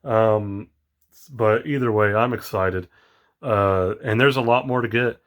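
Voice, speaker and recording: A man talks casually in a slightly low voice, full of ums and uhs as he rambles. He sounds excited but tired, as if it is late at night. The delivery is loose and unscripted, like a hobby vlog. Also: measured pace. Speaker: toy collector vlogger.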